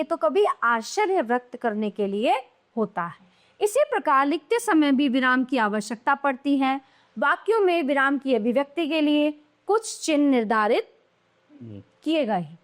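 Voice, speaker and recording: A woman teaching a grammar lesson to young children, explaining patiently and answering her own questions. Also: sits high.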